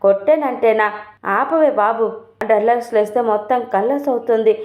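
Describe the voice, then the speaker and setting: A bossy, quick-tempered young kidnapper snaps his gruff retorts, read out by a woman. The voice sits somewhat high, and the sound is tinny and echoey, as if from a phone in a bare room. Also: close to an everyday voice. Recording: tinny, roomy phone-like recording.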